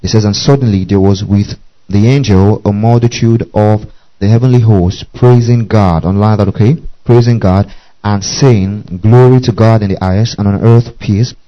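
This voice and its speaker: A man's voice: lowish voice, fairly even intonation, moderate pace. A man preaching a Bible lesson, who keeps checking in with his listeners by asking "okay?" and "do you see that?". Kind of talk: bible teaching sermon. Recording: muffled lo-fi recording.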